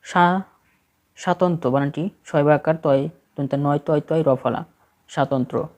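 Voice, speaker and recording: A man's voice: on the high side, normal speed, darkish tone. A man with a Bangladeshi Bengali accent reads a spelling list aloud for exam prep, steadily correcting each word in short phrases.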